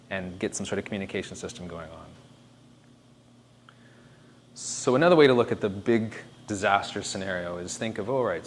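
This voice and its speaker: Lowish-voiced man presenting, faint noise. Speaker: speaker presenting disaster planning. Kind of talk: informal presentation to an audience.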